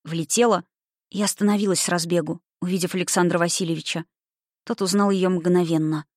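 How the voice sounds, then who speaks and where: A reader narrating a historical romance audiobook in a measured, expressive way. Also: mid-range voice, no room sound, clean studio sound.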